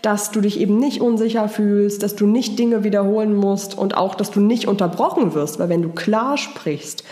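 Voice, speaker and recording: A woman's voice: medium pitch, normal speed, hardly any pauses, warm tone. Woman voice coach in a roomy room. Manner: encouraging, explains patiently, reads out viewer comments. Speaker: voice and charisma trainer. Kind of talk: live-stream coaching talk.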